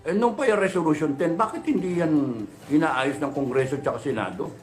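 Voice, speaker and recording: A man in his thirties or forties rants with heat, hammering out question after question and peppering them with a mock-respectful "sir." His voice sits a little higher than most men's, and soft music plays underneath. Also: animated, moderate pace. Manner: fiery, repeated rhetorical questions, mixes Tagalog and English; mock-polite "sir" addressing officials. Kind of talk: impassioned political rant.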